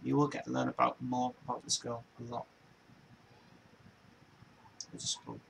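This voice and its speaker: A man from England in his forties hosts a relaxed chat show from home, his gravelly mid-range voice flat in delivery and moderate in pace. Background noise is present, and his talk meanders loosely, doubling back, repeating and restarting often.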